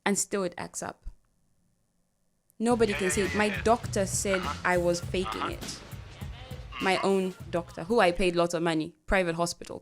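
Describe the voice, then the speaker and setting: Woman, podcast co-host, casual chat, animated, frequent laughter, lowish pitch. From Africa. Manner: animated, laughs often, trails off and restarts.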